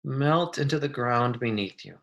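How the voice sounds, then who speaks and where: Leading a guided practice, a mid-pitched meditation guide speaks gently and soothingly in unhurried phrases with long pauses between instructions, yet sounds animated and has vocal fry. The recording is muffled.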